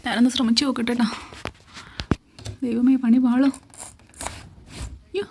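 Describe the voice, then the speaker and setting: A woman's voice: a little high, flat delivery, moderate pace, gravelly, warm tone. A woman vlogging outdoors in her garden, chatting to a cat in a coaxing way while filming on her phone. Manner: chatty, coaxing, often cries out "ayyo". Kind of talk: casual vlog talk to a cat. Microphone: phone held while filming. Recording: noisy outdoor phone recording.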